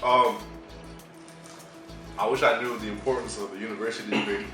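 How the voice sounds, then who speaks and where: A man's voice: on the low side, level tone, brisk, sharp tone. A young man, a rapper, chatting casually, hesitant and slangy, often laughing. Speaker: guest, rapper. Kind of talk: casual chat. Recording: echoey room, mic at a distance, music behind.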